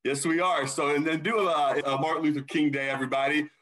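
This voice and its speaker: Bright, chatty co-host man. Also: fairly high pitch, steady tone, quick pace, poor audio. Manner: chatty, rambling and enthusiastic. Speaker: talk show co-host. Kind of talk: casual interview chat.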